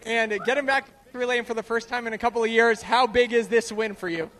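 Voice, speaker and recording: A man's voice: extremely high pitch, steady tone, quick pace, a bit bright, a little hiss or hum. A man interviewing drivers as a trackside reporter at a racetrack, upbeat. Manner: upbeat, rallying the crowd. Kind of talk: post-race interviewer.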